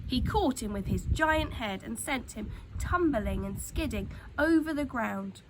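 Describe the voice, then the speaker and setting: A woman narrates a children's storybook in a high, very animated voice. She is dramatic and expressive, hushing for suspense. There is clear noise behind her. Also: measured pace. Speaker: storytime reader.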